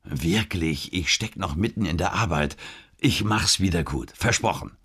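A man reading an audiobook and voicing a defensive, overworked male friend on the phone, husky and grumbling. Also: sits low, a little slow, fairly bright tone, full character voice. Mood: apologetic. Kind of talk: audiobook character voice.

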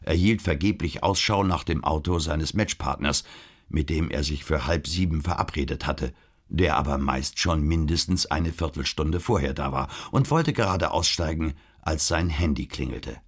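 Husky low-voiced male audiobook narrator. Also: normal speed.

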